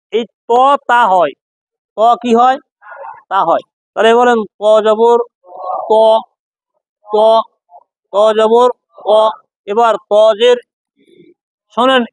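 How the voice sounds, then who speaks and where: A man teaching a class to pronounce letters, repeating each sound slowly and having students echo it. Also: very high voice. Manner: chants opening prayers in a slow singsong. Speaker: Quran recitation teacher. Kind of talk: classroom pronunciation lesson.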